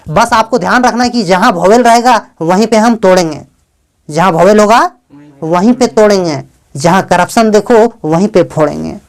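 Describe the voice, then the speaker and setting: A male English teacher giving a classroom lesson, often questioning his students, spelling letters out slowly and joking with them in a fatherly way. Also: sits high. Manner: calls students "beta" in a fatherly way.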